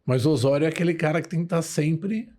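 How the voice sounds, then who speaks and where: A man's voice: a little high, fast, warm tone. A man, a doctor co-hosting a podcast, who asks long, winding questions with a light laugh. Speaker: co-host, doctor. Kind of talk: podcast interview.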